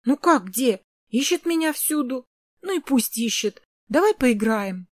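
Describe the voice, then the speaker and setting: A woman's voice: high voice, lively intonation, unhurried, dry recording, studio quality. A woman reading an audiobook, voicing a stubborn, playful little girl with a childish, pouty way of talking.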